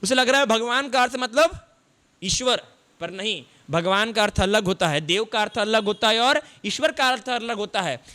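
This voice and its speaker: A man's voice: high-pitched, lively intonation, normal speed, pushed and bright. A man giving a sermon as a Buddhist monk, asking his listeners questions and answering them himself as he explains what words mean. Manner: explains word meanings step by step.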